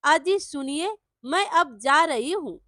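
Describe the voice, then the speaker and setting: A woman voicing an anxious young village wife in a storybook tale, soft and downcast. Her voice is high and bright, the pace slow, close and dry. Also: lively intonation, no echo, full character voice.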